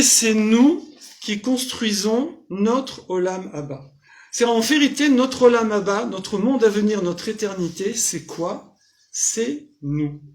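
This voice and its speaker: A man giving a casual, joking Torah class to a group, quizzing them and translating Hebrew terms as he goes. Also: high voice. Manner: casual, jokey, asks the audience questions. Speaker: Torah teacher. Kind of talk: lively informal Torah class. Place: small community centre hall.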